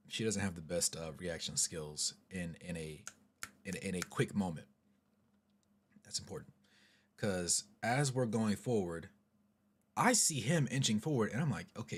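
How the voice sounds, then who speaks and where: A man telling a story casually to his vlog audience, chatty and animated with asides. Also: lowish voice, husky. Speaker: vlogger, storyteller.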